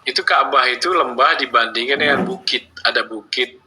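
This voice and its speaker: A man hosting and moderating a debate, calm and conciliatory as he steers the discussion point by point. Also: medium pitch, moderate pace, background noise. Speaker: host and moderator.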